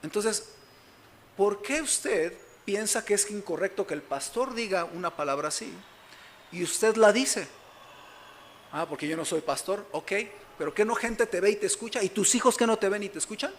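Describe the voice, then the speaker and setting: Preaching with the accent of Mexico City, this male pastor keeps checking that his listeners are following along. He sounds high-pitched and animated at a moderate pace, and there is a little hiss or hum in the recording.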